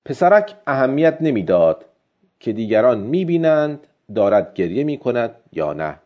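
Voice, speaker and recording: A man reading a story aloud as an audiobook narrator in a measured, expressive way. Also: mid-range voice, muffled recording.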